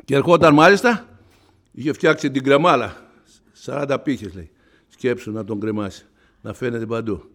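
A man preaching a sermon, retelling a Bible story with animated storytelling and acting out the characters' lines in raised voices. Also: medium pitch, pauses often.

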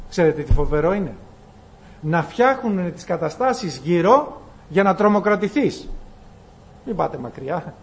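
A man preaching a sermon, retelling a Bible story with acted-out dialogue and slow readings of old scripture. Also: high voice. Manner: lively preaching, acting out quoted dialogue, reading archaic scripture slowly.

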